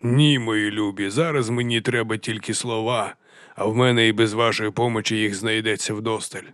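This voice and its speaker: A man voicing a fat, cheerful, half-mad male chieftain, drawling and sing-song, dropping to a hush and then booming. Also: fairly even intonation, moderate pace, no echo, studio quality, lightly acted. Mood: jovial, unhinged. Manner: drawling and sing-song, swinging between hushed and loud. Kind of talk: audiobook character voice.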